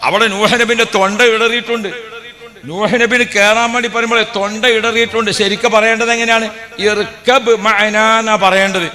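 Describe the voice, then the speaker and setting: A man's voice: high-pitched, level tone, fast talker, sharp tone, long reverb tail. A man preaching a sermon, storytelling with rhetorical questions and acted quotes. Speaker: Islamic preacher.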